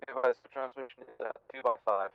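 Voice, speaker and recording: A man's voice: medium pitch, fairly even intonation, fast, creaky, highs cut off. A man giving clipped, formal military radio calls in a game, heard through a radio transmission with static bursts and clicks.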